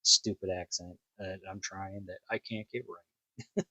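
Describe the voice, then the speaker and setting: A man giving a casual, musing toy review, talking slowly with many ums and restarts, on a dull lo-fi home recording. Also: sits low, steady tone, pushed and bright, no echo.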